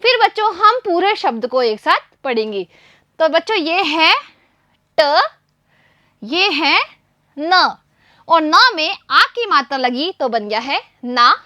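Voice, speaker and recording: A woman teacher with a very high, bright voice leads a first-grade reading lesson. She speaks very slowly, sounding out each word syllable by syllable and prompting the children to repeat it. The recording is dry and close. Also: expressive, no room sound.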